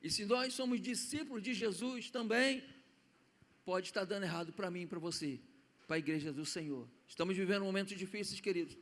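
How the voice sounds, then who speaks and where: Male preacher with a Brazilian accent and a high voice; storytelling sermon with hushed-to-loud swings, recorded in a church. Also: fairly quick. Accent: Brazilian Portuguese. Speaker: pastor. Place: church sanctuary.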